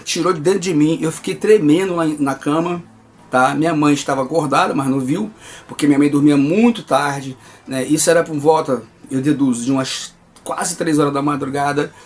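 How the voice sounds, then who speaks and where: A man's voice: a little high, a little fast. A man with a Brazilian Portuguese accent giving an earnest, emphatic religious testimony and calling his listeners brother.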